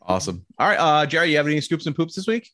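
Lively-voiced man hosting a podcast. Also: fairly high pitch, no room sound, clean studio sound. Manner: teasing, quick affirmations. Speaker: podcast host. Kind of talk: casual chat.

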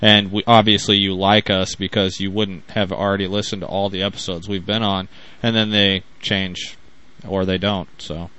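A man's voice: sits low, level tone, moderate pace, pushed and bright, poor audio. A man guesting on a casual podcast, laughing easily and rambling through the banter. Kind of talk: casual chat over a video call.

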